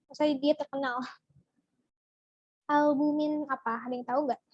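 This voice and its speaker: A woman's voice: high-pitched, steady tone, normal speed, no room sound, dull audio. A young woman giving a casual online biology lesson, chatty and asking her viewers questions as she explains. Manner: chatty, asks the viewers questions and answers from chat. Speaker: biology tutor.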